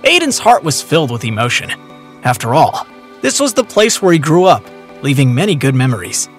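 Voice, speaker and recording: A man narrating a story in an animated, storytelling way. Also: a little high, brisk. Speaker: audiobook narrator. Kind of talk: scripted narration. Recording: dry close recording, faint music.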